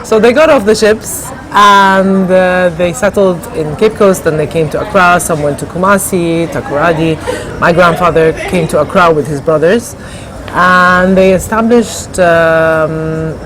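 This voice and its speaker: In this conversational interview, a middle-aged woman from Ghana who co-founded a café responds hesitantly and thoughtfully, leaning on many fillers. She talks in an unhurried way, with a voice on the low side and a fairly bright tone. The background is noisy.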